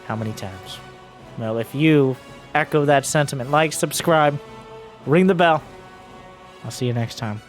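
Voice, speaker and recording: A man's voice: mid-range voice, a little slow, long pauses. A man giving live play-by-play commentary on a video game match, exclaiming animatedly as play turns. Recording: music behind the voice. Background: music.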